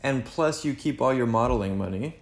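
A man's voice: medium pitch, animated, a little fast. Rambling man in an echoey room. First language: Spanish. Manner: loose, rambling, heavy on "like" and "you know". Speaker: podcast co-host. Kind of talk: casual chat.

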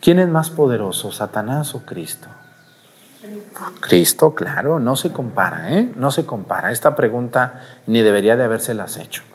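A man preaching a sermon in an animated way, asking his listeners questions. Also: medium pitch, normal speed. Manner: animated, asks the audience questions. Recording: long hall reverb.

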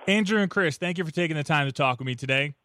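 A man's voice: fairly high pitch, quick pace, pushed and bright, no room sound. A man hosting a podcast, telling rambling, joking stories in a casual chat. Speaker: podcast host.

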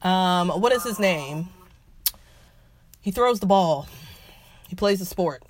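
A woman co-hosting a podcast in casual chat, slightly hoarse from a cold, playful and laughing often. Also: fairly low pitch, expressive, takes it slowly, slight background noise. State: hoarse, getting over a cold. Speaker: podcast co-host.

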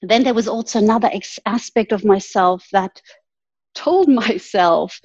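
A woman with a husky, slightly breathy voice at a middle pitch tells her story earnestly and laughs lightly now and then. The sound is dry and close, with a dull, lo-fi tone. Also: measured pace, darkish tone, no echo. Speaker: guest. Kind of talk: reflective storytelling in an interview.

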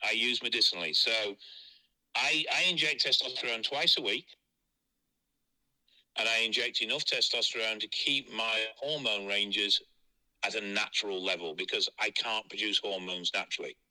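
A man's voice: on the low side, normal speed, bright, forceful tone. A man speaking bluntly and frankly as an interviewee, heard over a phone line. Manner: blunt, frank and matter-of-fact.

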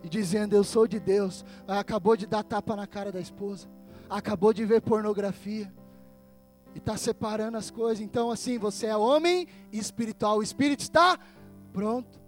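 A man pastor preaching a sermon with a Brazilian Portuguese accent, swinging between loud, emphatic passages and hushed asides. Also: high voice, a little fast, faint music behind.

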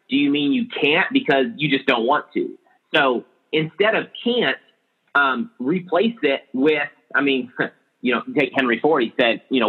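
Guy hosting a chat, kinda husky, sounds like it's over a phone line, rambles and restarts a lot. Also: medium pitch. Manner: rambling, many restarts and fillers. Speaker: podcast host. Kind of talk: casual group discussion.

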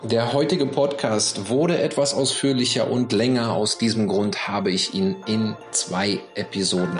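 A man with a lowish voice, a tour operator hosting a travel podcast, talks casually over a call from his office, using many fillers and restarts. The sound is reverberant.

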